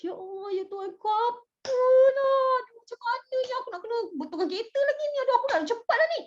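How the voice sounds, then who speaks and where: A frantic driver cries out in a shrill voice, put on by a woman speaker. The outbursts run fretful and loud. The recording is dull and muffled. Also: animated, fast talker. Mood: exasperated. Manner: high, exclaiming, fretful outbursts. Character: flustered, exasperated driver stuck in rain traffic.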